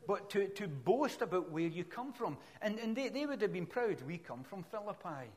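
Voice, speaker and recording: Middle-aged Glaswegian preacher, slightly higher male voice, conversational sermon with wry asides. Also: very animated, moderate pace, a little mellow. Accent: Glaswegian Scottish. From Scotland. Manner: conversational, self-deprecating asides between scripture readings.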